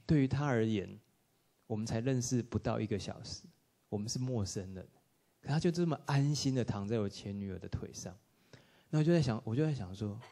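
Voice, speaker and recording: Man, public talk, storytelling, mellow warm voice, animated, acts out dialogue. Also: mid-range voice. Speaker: speaker at a film workshop.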